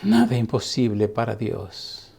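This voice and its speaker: Slow, mellow-voiced male pastor preaching. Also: on the low side, steady tone, vocal fry, slightly rough. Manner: slow, deliberate, with dramatic pauses. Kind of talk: sermon storytelling.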